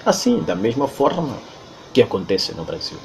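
A man's voice: medium pitch, huge pitch swings, moderate pace, creaky, darkish tone, a little hiss or hum. A man from Angola with an Angolan Portuguese accent, speaking in an emphatic, lecturing monologue with a lot of repetition. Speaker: interviewee. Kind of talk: impassioned monologue.

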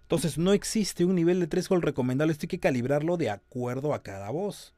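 A man's voice: fairly high pitch, expressive, fairly quick, noisy background. Man teaching audio compression. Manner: explanatory, asks students if they follow. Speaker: audio production lecturer. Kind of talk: online class demonstration.

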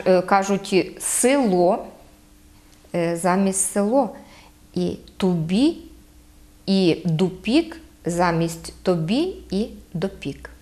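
A woman with a Podillia Ukrainian accent explaining local dialect forms, hesitating with frequent fillers and spelling out sounds slowly. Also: mid-range voice, darkish tone.

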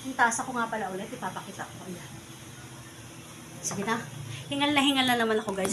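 A woman vlogger in a bubbly, teasing, playful chat, heard on a camera mic some distance away. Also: high-pitched. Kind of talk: playful casual vlog chat. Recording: echoey room, voice from far off, background noise.

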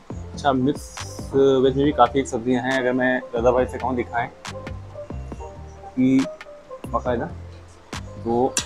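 Sitting at a restaurant table, a food vlogger in his thirties samples dishes and describes each one in a relaxed, chatty way for the camera. He has a medium-pitched voice and a Lucknow Hindustani accent, and the lapel-mic audio is poor.

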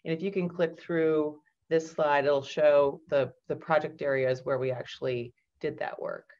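A woman keynote speaker presenting over slides in a measured, explanatory way, with frequent ums and restarts. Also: low voice, steady tone, a little mellow. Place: indoors at home on a video call. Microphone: computer mic on a webcam call. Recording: dull lo-fi video call audio.

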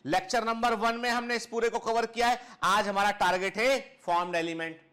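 A biology teacher with a high, bright voice speaks fairly quickly in a steady yet forceful tone, wearing a clip-on lapel mic. He explains things step by step, repeats key points, fondly calls his students children and checks they follow with frequent short tag questions.

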